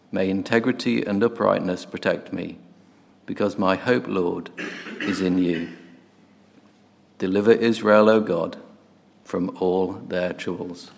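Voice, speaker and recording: A man reading a psalm aloud in a measured way, with a few small slips and restarts. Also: low voice, gravelly. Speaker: scripture reader. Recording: long hall reverb.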